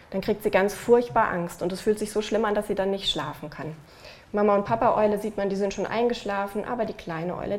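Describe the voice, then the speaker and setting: A woman telling a children's animal story from a picture book in a relaxed, conversational way, with frequent fillers. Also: medium pitch. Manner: speaks the animals' lines in her own voice.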